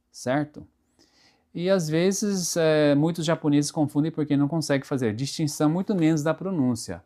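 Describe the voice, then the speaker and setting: A man's voice: on the high side, a little mellow. A man with a Brazilian Portuguese accent giving a casual spoken pronunciation lesson, explaining patiently with repeated examples and frequent checks like "right?". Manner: explains slowly with many tag questions and repeated examples. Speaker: Portuguese teacher.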